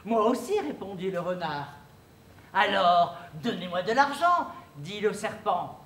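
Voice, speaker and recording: An actor playing a pompous husband in a stage play, telling a fable with slow, theatrical delivery and sudden shrieked outbursts. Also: very animated, a bit bright. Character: husband Mr Smith, pompous, proud of his wife. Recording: echoey theatre, faint rumble.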